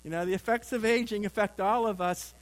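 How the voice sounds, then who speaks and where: High-voiced folksy preacher man. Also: fairly even intonation, a little fast, poor audio. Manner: folksy, rambling, with frequent restarts and asides to the congregation. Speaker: pastor. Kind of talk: sermon.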